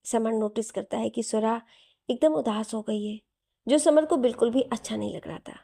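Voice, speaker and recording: A woman's voice: a little high, normal speed, gravelly, warm tone, no echo, clean studio sound. Woman narrating a romance story.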